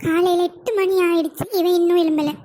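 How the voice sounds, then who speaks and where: A woman's voice: extremely high pitch, flat delivery, fairly quick, mellow. A woman voicing a nagging, scolding mother-in-law in a comic family skit. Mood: nagging, indignant.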